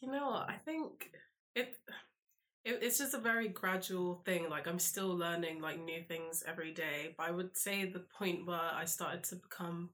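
A young woman with a South London accent chats as a guest in a casual interview. Her voice sits a little low for a woman and moves within a fairly narrow range. She talks informally and haltingly, working out her thoughts as she goes. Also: fairly even intonation, a bit bright. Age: young adult. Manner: informal, halting, thinking aloud. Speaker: podcast guest, university student.

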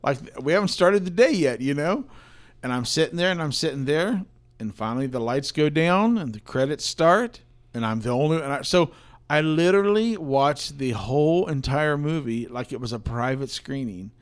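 A man's voice: a little high, lively intonation, normal speed. A man co-hosting a casual podcast, telling stories about seeing films in a rambling way with lots of fillers. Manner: rambling, filler-heavy storytelling. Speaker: podcast co-host, film reviewer. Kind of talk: casual film review chat.

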